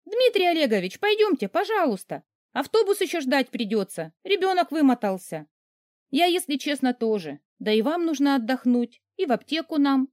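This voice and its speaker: A woman voicing a flustered young woman who pleads, teases and squeaks at a grumpy man. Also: big pitch swings, moderate pace, a little mellow, dry recording, clean studio sound. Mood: pleading.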